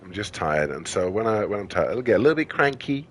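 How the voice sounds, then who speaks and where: A man's voice: lowish voice, sing-song, fast, slight background noise, low-quality recording. A tired man ranting in casual commentary over gameplay, rambling and swearing heavily with lots of fillers. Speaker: gaming video creator.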